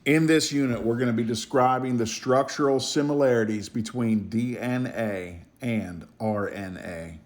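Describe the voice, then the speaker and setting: A man's voice: mid-range voice, normal speed, hardly any pauses. A man with an Appalachian accent teaching in an informal recorded lesson, explaining things in a plain-spoken, folksy way. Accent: Appalachian hillbilly. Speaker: biology teacher.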